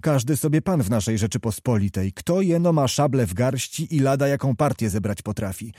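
A man's voice: mid-range voice, expressive, brisk, mellow, dry recording, clean studio sound, close to an everyday voice. A man reading a novel aloud, voicing a hot-tempered, boastful young nobleman soldier who talks in a swaggering, defiant way. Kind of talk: audiobook character reading.

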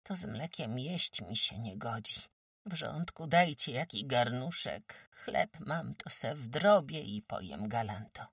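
A woman's voice: very deep voice, lively intonation, measured pace, fairly bright tone, slightly rough, no room sound, studio quality, recorded from a distance, heavily acted. A woman voicing a frail, sick old peasant woman who talks weakly and apologetically in rustic speech. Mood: meek, grateful.

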